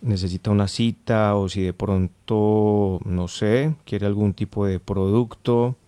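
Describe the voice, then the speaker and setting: In this dry recording, a Colombian-accented man hosts late-night radio in a relaxed, talkative style, often saying things twice. He speaks unhurriedly in a fairly low, steady voice that is dark, clear and resonant.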